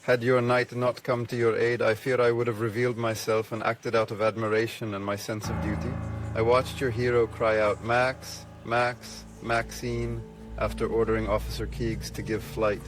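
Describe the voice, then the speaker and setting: A man voicing an obsessive male stalker who writes formal, old-fashioned letters, read gravely over music. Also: medium pitch, level tone, moderate pace, close to an everyday voice. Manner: formal, archaic, grave reading.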